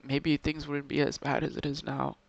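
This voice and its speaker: A young man in an emotional confessional vlog, talking to his subscribers in a halting way with many pauses and restarts, upset, sighing and close to tears. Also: a little high, little pitch movement, a little hiss or hum. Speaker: video creator talking to subscribers.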